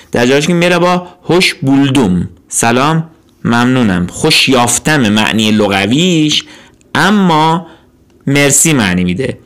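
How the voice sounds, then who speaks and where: A man teaching a language lesson, saying words slowly and then giving their meaning, with patient repetition. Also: mid-range voice, a bit bright.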